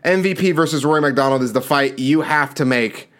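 A man's voice: medium pitch, fairly quick, fairly bright tone. A man hosting a sports show, giving casual fight predictions in an emphatic, slangy, conversational way.

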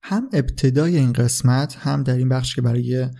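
A man hosts a podcast and explains things in a relaxed, unscripted way, pausing on fillers and correcting himself as he goes. His voice is mellow and warm, sitting at an ordinary middle pitch. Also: vocal fry. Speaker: podcast host. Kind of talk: casual explanatory monologue.

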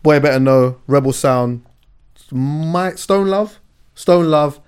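His voice is on the high side, darkish and smooth, and he takes his time. He's a London-accented podcast host whose casual, slangy chat is sprinkled with "yeah" and "you know."

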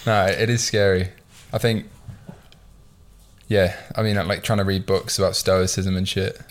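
A man's voice: deep voice, flat delivery, normal speed. A man in his twenties hosting a podcast, chatting casually, swearing freely and reflecting on himself. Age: 20s. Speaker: podcast host. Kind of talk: casual chat.

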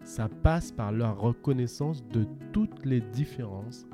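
A man co-hosting a podcast, talking in a relaxed, easygoing way. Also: mid-range voice, slow. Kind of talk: casual podcast chat. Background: plucked guitar music.

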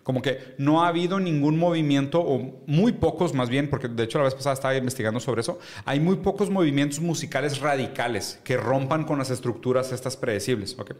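A man's voice: medium pitch, brisk, few pauses, darkish tone. A young Mexican man with a Mexican Spanish accent, chatting casually and animatedly on a podcast, full of slang.

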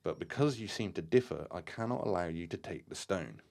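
A man voicing a hushed, solemn female spirit. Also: low voice, lively intonation, fairly quick. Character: solemn female spirit guardian speaking through a medium.

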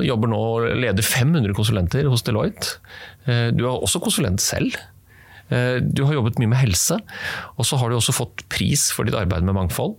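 A man's voice: mid-range voice, vocal fry, husky, dry recording. A man hosting a podcast, introducing guests and asking questions conversationally. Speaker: podcast host.

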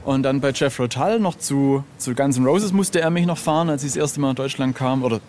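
In an interview about his work as an illustrator, a middle-aged man tells anecdotes casually and with self-deprecating humor. His mid-range voice has a darkish tone and moves fairly quickly, over clearly noisy background ambience.

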